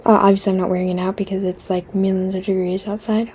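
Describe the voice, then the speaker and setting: A woman vlogger telling a casual, meandering storytime while she draws, full of fillers and self-interruptions, with wry deadpan asides. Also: medium pitch, fast talker, a little hiss or hum.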